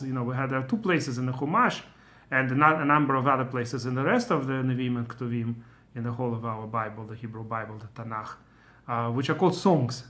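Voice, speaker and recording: The speaker is a middle-aged man with a Russian accent whose voice sits at medium pitch with a fairly bright tone. He's a Torah teacher leading a casual lesson, musing aloud and often restarting amid many fillers.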